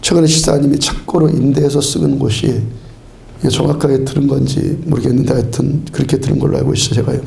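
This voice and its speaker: A man's voice: medium pitch, level tone, quick pace, gravelly, dark tone. A male pastor delivering an emphatic sermon, urging his congregation with firm commands and often breaking into a laugh as he preaches. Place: church sanctuary. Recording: echoey church sanctuary.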